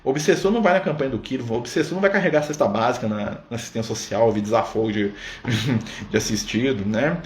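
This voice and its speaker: Fast-talking man in an echoey room. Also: medium pitch. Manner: conversational, full of "né?" and "tá?" asides. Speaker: Spiritist study leader. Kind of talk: casual teaching talk on a live stream. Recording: roomy sound with faint background noise.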